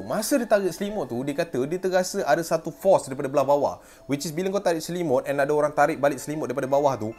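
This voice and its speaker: A man with a Malaysian Malay accent telling a ghost story in a casual way, acting out sounds and voices with animated delivery. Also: fairly high pitch. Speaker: storyteller host.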